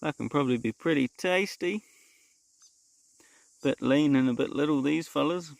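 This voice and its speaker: A man with a New Zealand accent and a gravelly voice, yarning casually and dryly like a laconic backcountry bushman as he talks through his trapping. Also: on the high side, normal speed, dry recording. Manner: laconic, dry-humoured outback bushman. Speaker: predator trapper and vlogger. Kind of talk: casual bush yarn to camera. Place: outdoors in the bush.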